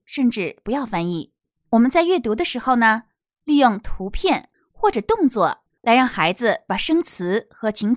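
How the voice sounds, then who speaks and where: A woman teaching English pronunciation from a picture book, explaining slowly and demonstrating words. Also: a little high, no room sound, clean studio sound.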